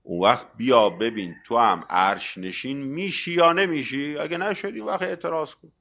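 A man delivers a religious sermon in a gravelly voice. He tells it as a story, acting out exchanges between people and moving between raised, forceful lines and quiet asides. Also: mid-range voice. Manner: lively storytelling with acted dialogue, swinging loud and soft. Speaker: preacher.

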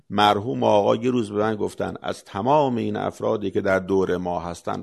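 A man giving a religious talk, piling up rhetorical questions and building to forceful emphasis. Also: lowish voice, vocal fry. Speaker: preacher.

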